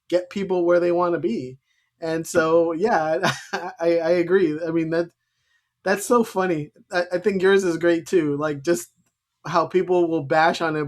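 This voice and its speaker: Laughing, high-voiced male podcast host. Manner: laughs often, quick chatty delivery with restarts. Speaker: podcast co-host, special education teacher. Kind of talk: casual podcast chat.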